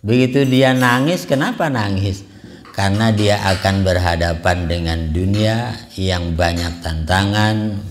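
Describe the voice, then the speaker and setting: A middle-aged preacher talks slowly and unhurriedly in a fairly low voice. He keeps it conversational, tossing rhetorical questions to the room. A faint hiss of noise sits behind him. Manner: conversational, frequent rhetorical "ya kan" asides and light chuckles. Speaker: ustadz giving a religious study talk. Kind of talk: casual mosque sermon. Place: small neighborhood prayer hall.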